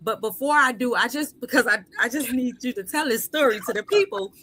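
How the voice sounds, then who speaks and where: A woman's voice: a little high, brisk, fairly bright tone. A woman hosting a casual interview, encouraging her guest with frequent affirmations. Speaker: show host.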